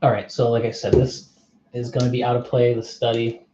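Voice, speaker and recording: A man's voice: medium pitch, monotone, brisk, dark tone, slight background noise. Easygoing man thinking aloud over a game. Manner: thinks aloud, reads card text, asks unseen viewers. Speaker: board game streamer. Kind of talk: casual play-through commentary. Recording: muffled, echoey room.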